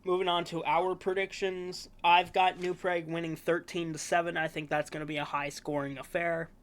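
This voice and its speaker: A man hosting a casual sports preview podcast, talking in a relaxed, rambling way with fillers and self-corrections. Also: a little high, normal speed, clean tone. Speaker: podcast host.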